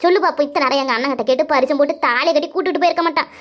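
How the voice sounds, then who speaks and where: A woman's voice: high-pitched, rapid-fire, dull audio, lightly acted. A woman voicing a grasping, jealous middle-aged village aunt in a cartoon, scolding and wheedling. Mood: scheming. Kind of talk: cartoon voice acting.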